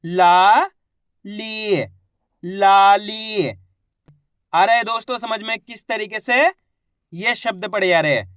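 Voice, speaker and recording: A young adult man teaching an online Hindi reading lesson, sounding out syllables slowly and drawing out words, encouraging viewers as friends. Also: sits high, pushed and bright, no room sound, studio quality. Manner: slow, drawn-out syllable-by-syllable pronunciation.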